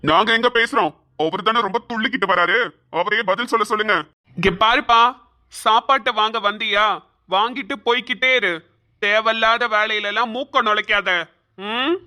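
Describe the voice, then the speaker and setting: A woman doing an arrogant bank officer in a cartoon, bright and forceful, barking orders and threatening people over unpaid interest. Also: a little high, moderate pace, pitched below the performer's own voice. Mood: menacing. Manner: rude, menacing, bossy. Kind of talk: cartoon voice acting.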